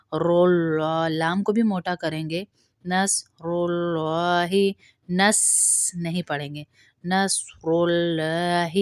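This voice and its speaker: A woman teaching Quran recitation rules, reciting verses slowly and drawn out, then explaining quickly in between. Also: fairly low pitch, darkish tone, no room sound, clean studio sound. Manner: slow drawn-out recitation alternating with fast explanation. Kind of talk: tajweed recitation lesson.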